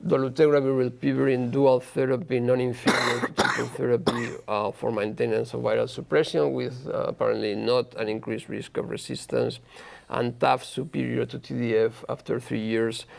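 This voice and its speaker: A man presenting an expert conference review, halting often as he searches for words. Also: medium pitch, steady tone, vocal fry, darkish tone.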